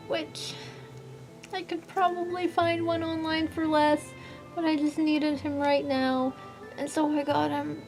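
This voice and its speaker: A young woman with a fairly high voice chats through her convention haul, bubbly and giggly, piling on "like" as she gushes. Faint music plays softly underneath her casual vlog. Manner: bubbly and giggly, lots of "like" and gushing. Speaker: vlogger.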